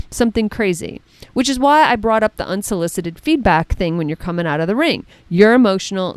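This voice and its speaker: A woman's voice: medium pitch, no room sound. Chatty woman coaching, dry sound. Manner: chatty, animated, often asks "right?" and "okay?". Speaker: mental performance coach. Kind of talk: casual spoken lesson.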